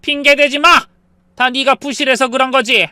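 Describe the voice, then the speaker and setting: A man's voice: very high-pitched, steady tone, moderate pace, pushed and bright, clean tone, no room sound, clean studio sound. A man voicing a domineering older mother-in-law in a story reading, speaking with cold, belittling scorn.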